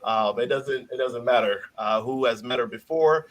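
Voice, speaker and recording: Man from Chicago, mid-pitch guest, earnest, halting. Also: low-quality recording. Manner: earnest, halting with fillers and restarts. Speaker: guest business owner. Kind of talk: casual interview chat.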